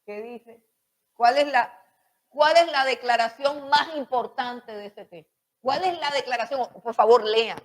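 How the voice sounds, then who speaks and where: A woman's voice: fairly high pitch, unhurried. A woman teaching a Bible school class on preaching, repeating her points and questioning her students.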